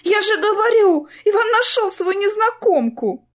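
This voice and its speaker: A woman voicing a distraught younger sister on the verge of tears, speaking in a high, strained voice. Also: animated, measured pace. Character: distraught young woman Polina, tearful and pleading.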